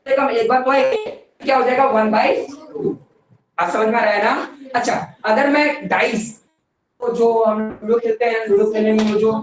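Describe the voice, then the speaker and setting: A woman teaching a maths class, mixing Hindi with English terms, questioning students often and slowing down to dictate definitions. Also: a little high, far from the mic. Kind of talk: classroom lecture. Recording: very echoey classroom, voice from afar.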